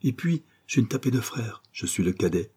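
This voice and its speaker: A man reading an audiobook, voicing a rough, earnest young sailor who is self-conscious about his speech. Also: medium pitch, sing-song, moderate pace, mellow.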